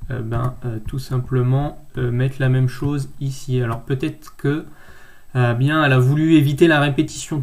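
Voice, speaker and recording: A man's voice: medium pitch, darkish tone. A man working as a nursing thesis tutor, correcting a student's abstract in an informal screen-share tutorial. He speaks directly to the viewer and hesitates often.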